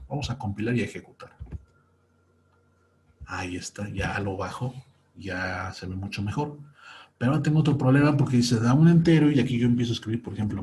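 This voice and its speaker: A man's voice: medium pitch, a little mellow, slight background noise. A young man, patiently talking through a screen-recorded coding lesson step by step. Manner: patient, walks through each step aloud. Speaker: programming teacher.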